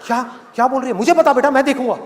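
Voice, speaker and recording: A man's voice: very high-pitched, rapid-fire, slight background noise. A man voicing an anxious father who soothes his upset daughter. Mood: placating. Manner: worried, placating, softer. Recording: reverberant hall with faint ambience.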